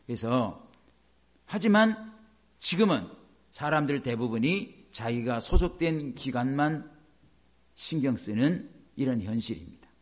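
A middle-aged man preaching a sermon as a pastor, animated, with many rhetorical questions. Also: medium pitch, unhurried.

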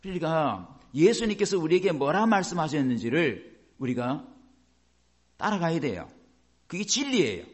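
A man's voice: a little high, very animated, moderate pace. A male pastor giving a sermon, often asking the congregation rhetorical questions and acting out short dialogues in different voices. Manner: acts out little dialogues in changing voices.

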